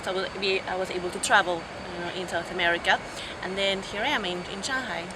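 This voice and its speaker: A woman's voice: mid-range voice, fairly even intonation, fast talker. Young Peruvian woman, outdoor noise. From Peru. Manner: fluent, with frequent fillers and restarts. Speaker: interviewee. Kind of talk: casual interview answers. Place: outdoors on a university campus. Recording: clear background noise.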